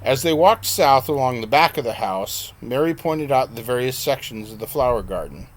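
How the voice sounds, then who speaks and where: A man narrating his own novel as an audiobook in a plain, unhurried reading with an occasional slip he corrects. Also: mid-range voice, lively intonation.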